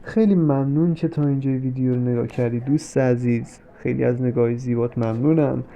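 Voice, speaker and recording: A young man giving comic commentary while he plays a game. He talks to the characters on screen and jumps from mock soothing to sudden shouting. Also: medium pitch, steady tone, creaky, muffled recording, a little hiss or hum. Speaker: gameplay commentator. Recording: game music under the voice. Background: game music.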